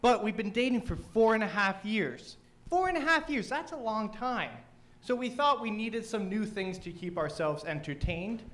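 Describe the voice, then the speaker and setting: A man's voice: sits high, animated, normal speed, fairly bright tone. A young man doing open mic stand-up in a small studio. He is brash and profane, teases the crowd, and has a thick, mushy way of saying his words. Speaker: stand-up comedian; teacher. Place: small comedy studio stage.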